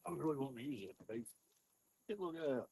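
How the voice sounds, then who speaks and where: Husky man, casual talker. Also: medium pitch, expressive, fast talker, warm tone, no room sound. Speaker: fishing companion. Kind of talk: casual chat. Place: outdoors on a small fishing boat.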